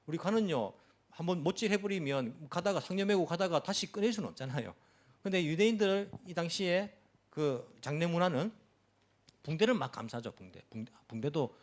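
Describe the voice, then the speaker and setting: A man preaching a sermon at a church service as pastor, asking the congregation rhetorical questions and explaining with everyday examples. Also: on the high side.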